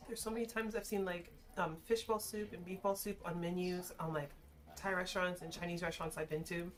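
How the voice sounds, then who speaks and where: A woman with a slightly low voice hosts a casual eating and cooking video. She is tipsy from shots and talks to the camera in loose slang, swearing freely as she goes. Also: steady tone, brisk, noisy background. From Caribbean background. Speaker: mukbang and drunk-cooking video host.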